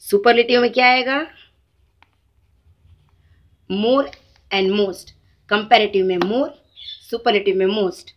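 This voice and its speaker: Slow, deliberate woman teacher. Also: mid-range voice, lo-fi sound, a little hiss or hum. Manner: slow, deliberate, mixes Hindi and English, drawn-out example words. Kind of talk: classroom grammar lesson for children.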